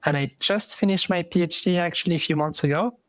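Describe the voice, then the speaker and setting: Moroccan man, thirties, podcast guest, raised voice, dry close sound, halting and thoughtful. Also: fairly high pitch, fairly bright tone, no room sound. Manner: thoughtful, with frequent fillers and restarts. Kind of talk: casual interview.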